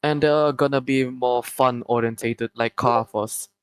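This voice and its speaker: A young man from Malaysia, answering interview questions casually with many pauses and restarts. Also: medium pitch, steady tone, clear, resonant tone, no room sound, low-quality recording.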